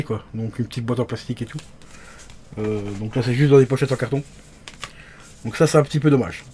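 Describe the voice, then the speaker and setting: A man's voice: medium pitch, darkish tone. A man casually commenting an unboxing for his viewers, chatty and hesitant, with many fillers and restarts, his voice moving closer and farther from the mic. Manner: talks to viewers as friends. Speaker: unboxing youtuber.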